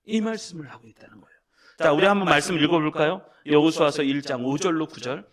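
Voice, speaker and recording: A male pastor preaching a sermon in a church, moving between soft, hushed asides and loud, drawn-out reading of scripture as he leads the congregation. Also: on the high side. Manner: addresses the congregation directly, leads group reading. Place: church sanctuary.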